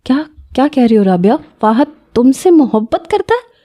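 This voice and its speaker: A woman's voice: fairly high pitch, mellow, natural voice. A woman voicing an upset young woman, a worried sister who speaks reproachfully, in a storybook reading.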